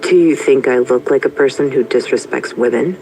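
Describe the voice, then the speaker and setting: A man's voice: medium pitch, a little fast, a little mellow, slight background noise, lightly acted, rough recording. A man voicing a cold, domineering rich man. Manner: cold, curt and commanding.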